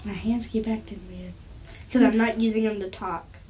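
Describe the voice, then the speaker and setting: A woman co-hosting a casual podcast, relaxed with short laughing replies. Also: medium pitch, moderate pace. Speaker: podcast co-host. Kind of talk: casual chat. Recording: distant from the mic, faint noise.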